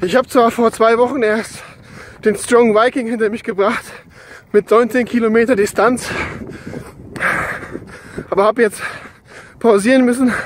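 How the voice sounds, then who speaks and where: A man in his forties talking casually to his phone while out running, out of breath, in short broken bursts. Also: high-pitched. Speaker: sports vlogger. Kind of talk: casual selfie vlog, complaining frankly. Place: outdoors on a country path by open fields. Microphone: phone at arm's length. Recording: outdoor ambient noise.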